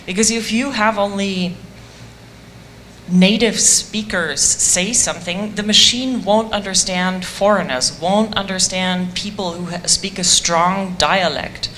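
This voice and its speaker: A woman's voice: medium pitch, unhurried, fairly bright tone, a little hiss or hum. A woman speaking enthusiastically on a conference panel about a community-driven voice project, with a self-deprecating humor.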